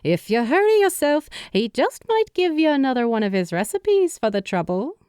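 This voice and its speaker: A woman voicing a motherly, playful middle-aged woman who speaks with a knowing, gently teasing manner in an audiobook. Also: high voice, sing-song, moderate pace, smooth, no room sound, clean studio sound, voice pushed up. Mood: fond.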